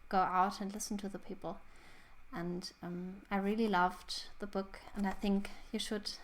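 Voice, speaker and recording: A young woman hosts a casual book review, speaking thoughtfully and reflectively at a moderate pace. Her voice is medium in pitch with a flat delivery, and German is her first language.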